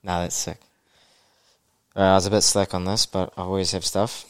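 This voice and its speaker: Low-voiced Kiwi man, blokey podcast host. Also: flat delivery, normal speed, clear, resonant tone, no echo, studio quality. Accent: New Zealand. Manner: blokey, slangy, freely swearing. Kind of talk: casual interview chat.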